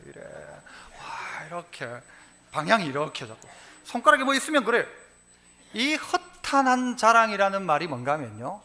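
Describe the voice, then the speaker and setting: A man's voice: high voice, bright, forceful tone. A male pastor with a Gyeongsang accent preaching a sermon in church, leading the congregation in repeating verses and asking and answering his own questions. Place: church sanctuary.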